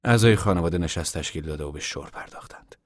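A man narrating a novel in a calm, measured audiobook reading. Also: low-pitched, dry recording, studio quality. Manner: calm, measured storytelling, at times hushed.

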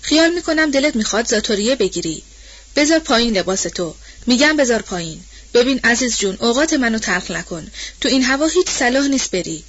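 A fussing, stubborn old nanny, put on by a woman reader scolds in a homely, colloquial storybook voice. Her voice sits fairly high. The recording sounds dull and lo-fi. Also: expressive, breathy edge. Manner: colloquial, nagging and protective.

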